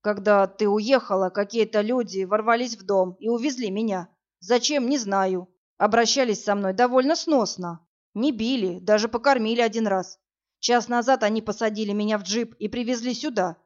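A woman's voice: medium pitch, normal speed, close to an everyday voice. Woman voicing an edgy young man, jittery and later unhinged, audiobook read, lo-fi sound. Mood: flat, puzzled. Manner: nervous, faltering, then ranting. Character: nervous young man, turning manic. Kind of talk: audiobook character reading. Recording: dull lo-fi audio.

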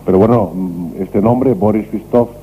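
A man hosting a late-night radio program, talking calmly and reflectively with a guest, on an old radio recording. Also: lowish voice, normal speed, narrow, tinny audio, slight background noise. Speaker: radio host.

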